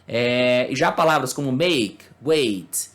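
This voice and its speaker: A Brazilian man teaches English in a relaxed, conversational way, a native Portuguese speaker whose pitch sits in an ordinary middle range. He explains things slowly, restarts his phrases, and keeps checking in with little tag questions. It sounds like a casual online class.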